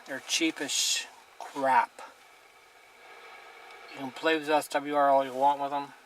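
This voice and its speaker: Showing off radio equipment, this hobbyist reviewer keeps it casual, plain-spoken, blunt and a bit crude. He has a mid-range, fairly bright voice with a level tone and a measured pace, captured on a noisy amateur recording with clicks.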